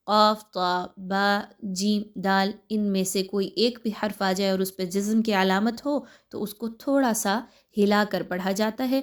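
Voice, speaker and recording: A woman teaching tajweed, explaining pronunciation patiently and step by step. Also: medium pitch. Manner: patient, explains pronunciation step by step, then recites slowly and drawn out. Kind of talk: tajweed lesson with slow recitation examples.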